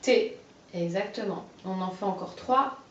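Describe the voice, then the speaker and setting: Slow-spoken woman teaching syllables. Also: medium pitch, distant mic. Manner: slow, carefully articulated, encouraging. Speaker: teacher of a phonology exercise. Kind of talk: remote phonology lesson for a child. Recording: dull, roomy, off-mic sound.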